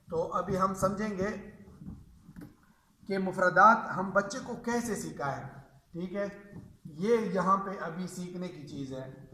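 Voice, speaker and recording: A man's voice: sits high, bright, forceful tone, slight background noise. A man teaching the Arabic letters to other teachers, drawing out each sound and repeating simple questions as if speaking to children. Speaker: Quran reading teacher. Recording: echoey room reverb.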